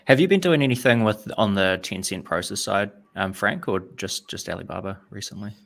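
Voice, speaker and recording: A man with a deep, gravelly voice co-hosts a casual investing podcast. He talks in a relaxed way, full of "like" and loose asides, often dropping into vocal fry. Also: fairly quick. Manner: relaxed, filler-heavy with "like". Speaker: podcast co-host.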